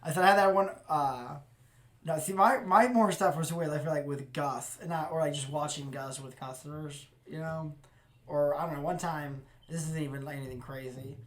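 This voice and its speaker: A man's voice: a little high, moderate pace, fairly bright tone. A man hosting a casual chat, rambling and restarting his sentences. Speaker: host.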